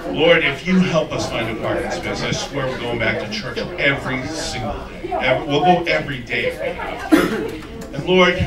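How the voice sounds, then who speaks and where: A man's voice: mid-range voice, very animated, moderate pace, recorded from a distance, lightly acted. A man quoting his wife as she pleads and bargains in prayer for a parking space. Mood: pleading. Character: desperate praying middle-aged wife. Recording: roomy club sound from afar with crowd.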